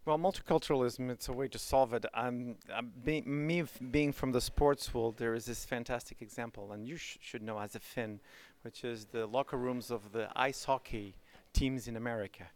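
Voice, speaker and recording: A podcast host, male, talks at medium pitch and a moderate pace with barely any pauses. He chats casually with his guest in a conversational interview, frequently restarting his sentences.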